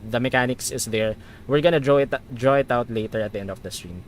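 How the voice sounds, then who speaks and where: A man's voice: medium pitch, fast talker, background noise. Filipino man chatting on a flight stream. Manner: chatty, switches between procedures and viewers. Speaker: livestreamer, virtual pilot. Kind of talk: casual flight simulator stream chat.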